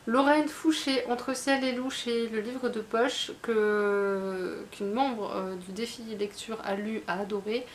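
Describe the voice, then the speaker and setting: A woman's voice: a little high, fairly even intonation, slow pace, few pauses, a little hiss or hum. A woman chatting casually about her book haul, talking in a hesitant way with many fillers and restarts. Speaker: book vlogger.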